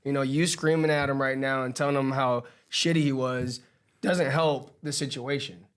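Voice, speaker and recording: A man's voice: medium pitch, fairly even intonation, moderate pace. A man coach hosting a casual podcast chat, rambling with lots of fillers and swearing. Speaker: wrestling coach, host.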